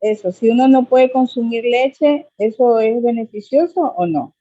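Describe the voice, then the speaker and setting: A cheerful woman from Ecuador, with a somewhat high, darker voice, asks questions over a video call. Her sound is dull and dry. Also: a little slow, mellow, dry recording. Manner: cheerful, giggly. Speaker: caller asking a question.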